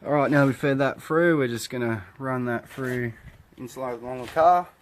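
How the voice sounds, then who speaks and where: A man talks through a hands-on job in a laid-back, plain-spoken way. His voice sits at a middle pitch. He sounds like a casual DIY vlogger, with some light noise behind him. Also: moderate pace. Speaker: host of a DIY car video.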